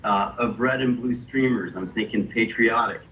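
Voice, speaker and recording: A lowish man's voice heard over a video call, thoughtful, stopping and restarting as he explains his artwork. The sound is muffled and dull, with a faint hiss underneath. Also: moderate pace, fairly bright tone. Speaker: illustrator. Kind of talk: walking through his artwork.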